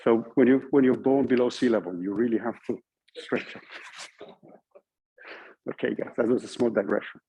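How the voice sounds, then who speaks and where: Informal and explanatory, a Norwegian male university lecturer works through his material step by step, checking in as he goes. His voice is mellow, rather husky and middling in pitch, with fairly even intonation, a moderate pace and long pauses, on a rough recording.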